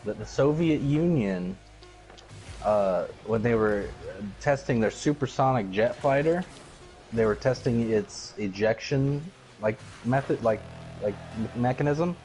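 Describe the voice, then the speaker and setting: A man's voice: medium pitch, unhurried, darkish tone, soft background music. A man chatting casually while playing a video game, rambling and filling his talk with "like". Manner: rambling, heavy use of "like" fillers. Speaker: gaming video co-host.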